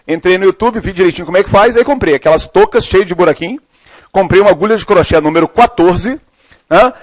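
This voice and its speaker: Brazilian guy teaching chemistry in a classroom, talks fast, jokes around then quizzes everyone. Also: sits high.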